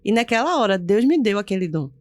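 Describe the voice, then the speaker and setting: A middle-aged woman pastor shares her testimony in a relaxed interview at an ordinary, middling pitch. She tells it with lots of animation and acts out the voices of the people in her story. The recording is dry and close, with almost no room sound. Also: quick pace, dry recording. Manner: animated storyteller who acts out quoted voices and laughs often. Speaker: pastor, podcast guest. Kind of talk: personal testimony in a casual interview.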